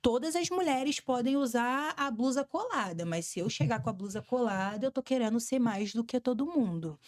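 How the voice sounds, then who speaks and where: A young woman from Brazil talks openly as a podcast guest, her voice sitting a little high for a woman. She tells her stories with animation, slipping into the voices of people she quotes along the way. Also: expressive, normal speed. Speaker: podcast guest, samba dancer and influencer. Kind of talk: candid interview talk.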